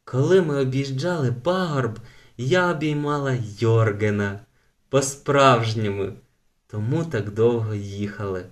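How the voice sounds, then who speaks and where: A man voicing a lively ten-year-old girl sharing a secret crush, in a storybook reading. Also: mid-range voice, measured pace, close to an everyday voice. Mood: confiding.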